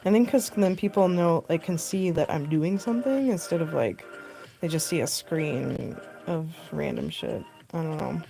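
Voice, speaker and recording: A deep, gravelly-voiced woman, a costume artist, chats casually while sculpting on a live stream, talking at normal speed. She rambles, uses many fillers, and laughs often. It's a rough phone recording with music in the background.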